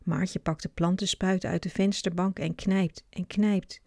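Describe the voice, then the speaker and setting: A woman reads a children's book aloud in a clear, expressive way. Her voice is low and gravelly, and the recording is close and dry. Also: a little slow, dry recording. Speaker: storyteller.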